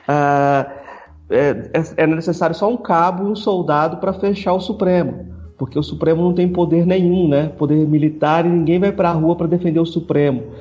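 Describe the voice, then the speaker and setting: A man hosts a podcast and poses questions to his guest, with a fairly high but mellow voice. He gropes for his words, repeating himself before he reaches the question. The sound is muffled, with faint music underneath. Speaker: podcast host. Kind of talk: interview questions. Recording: dull, lo-fi audio with faint music.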